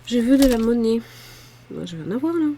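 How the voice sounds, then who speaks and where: A woman's voice: on the high side, very animated, fairly quick, dark tone, slight background noise. A woman in her forties with a southern French accent, chatting casually about her budget challenges and muttering little asides as she sorts her cash. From France. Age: 40s. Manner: chatty, self-deprecating, muttering asides while handling cash. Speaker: budgeting vlogger. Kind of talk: casual talk to camera while filling savings challenges.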